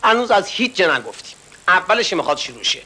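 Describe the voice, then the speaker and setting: A man with a bright, ringing, high voice tells stand-up jokes. He rattles off quick thank-yous between bits. He then launches into the next joke with lively energy. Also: husky. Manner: quick thank-yous between jokes, acts out characters with big pitch jumps. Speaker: stand-up comedian.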